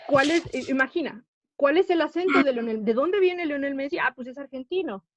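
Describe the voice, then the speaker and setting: A woman's voice: sits high, expressive, fairly quick. A woman teaching an acting class, explaining patiently and often checking that the students follow. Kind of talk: online class lecture. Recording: dull, dry lo-fi audio.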